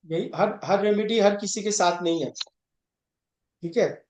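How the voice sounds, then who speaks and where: A man's voice: sits high, measured pace, darkish tone. A man teaching an astrology class in a conversational way, stressing points and often asking if students follow, with English terms mixed in. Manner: emphatic, keeps checking understanding; mixes English terms into Hindi. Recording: roomy echo.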